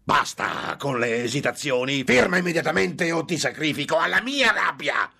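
A man voicing a gloating, impatient male demon who tempts a monk, drawing out his words slowly and menacingly. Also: fairly low pitch, lively intonation, pitched above the performer's own voice. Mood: furious. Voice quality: slow, drawn-out menacing delivery.

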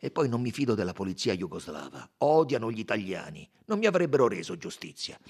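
A man voicing a loud, defensive Italian chauffeur in an audiobook, blustering and emphatic. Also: fairly low pitch, big pitch swings, slightly rough, exaggerated voice. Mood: protesting. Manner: blustering, emphatic, quick to protest. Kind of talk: audiobook character reading.

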